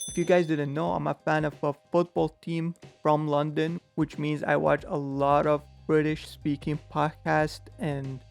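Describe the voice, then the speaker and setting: A man's voice: a little high, little pitch movement, gravelly, faint music behind. A man hosting a reaction video, talking casually and skeptically about what he watches. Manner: chatty, skeptical, quick to call people out. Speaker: reaction channel host.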